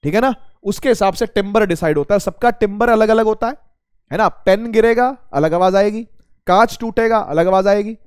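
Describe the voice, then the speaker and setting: A teacher with a rather high, smooth voice gives a casual spoken physics lesson, relaxed and conversational, calling his students "beta" and often answering his own questions. His throat sounds slightly strained. The recording is close and dry, without room echo.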